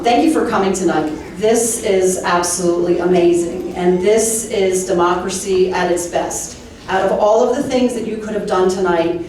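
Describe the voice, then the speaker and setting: A woman's voice: medium pitch, a little mellow, a little hiss or hum. Heartfelt woman rallying a meeting. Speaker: state representative. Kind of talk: campaign speech. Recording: echoey room from far off.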